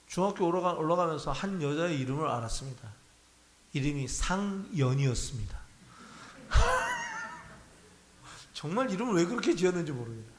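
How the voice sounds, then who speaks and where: Male pastor with a high voice, conversational sermon delivery, recorded in a reverberant church. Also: wildly swooping pitch, normal speed, pauses often, slight background noise. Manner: conversational preaching, asks the congregation questions. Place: church sanctuary. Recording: echoey church hall.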